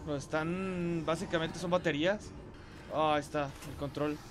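A man's voice: a little high, fairly even intonation, normal speed. A young man with a Mexican accent playing a horror game, nervously rambling to himself and yelping. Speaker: gaming streamer. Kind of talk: horror game let's play.

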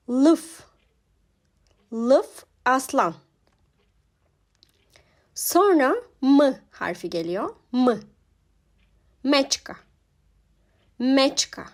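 A young woman teaching a language alphabet lesson, pronouncing each word slowly and repeating it twice. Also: high voice. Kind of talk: slow spoken alphabet lesson.

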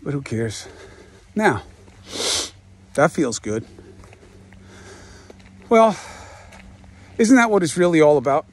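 Slow and punctuated by long pauses, a man in his fifties reflects aloud on a walk outdoors for his podcast, musing and asking rhetorical questions. His voice sits a little high and swings widely in pitch.

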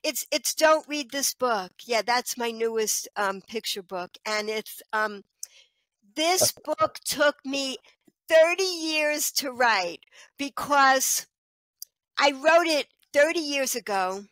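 Speaking slowly in a high-pitched voice, this middle-aged children's author joins a casual video call as a guest from a small home room, talking through a headset mic. She's animated, gestures plenty and leans on "you know." The audio is rough, with no room sound.

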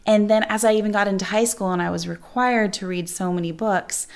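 A woman's voice: mid-range voice, steady tone, brisk, smooth. A woman in her thirties chatting informally as a panelist, often saying "like". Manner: informal, peppered with "like". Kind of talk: casual chat. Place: living room, seated at a round table. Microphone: table-mounted microphone.

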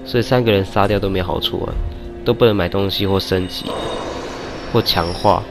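A lower-pitched man talks through his gameplay in a casual let's-play style. He jokes with enemies and bursts out in loud groans at every setback. Game music plays clearly behind him. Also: fairly quick. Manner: excitable, shouts and groans at deaths, teasing banter with enemies. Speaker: gaming YouTuber.

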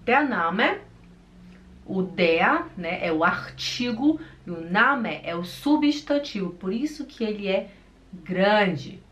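Slow, patient woman teaching German. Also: medium pitch, lively intonation, a bit bright, dull audio. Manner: patient, repeats words slowly for learners. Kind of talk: online language lesson. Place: home in Switzerland.

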